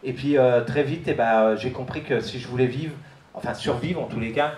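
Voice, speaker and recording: Speaking briskly in a mid-range, slightly mellow voice, a man from France offers his testimony to a church youth gathering. He hesitates, stumbling over fillers and starting over often, and the room echoes around him.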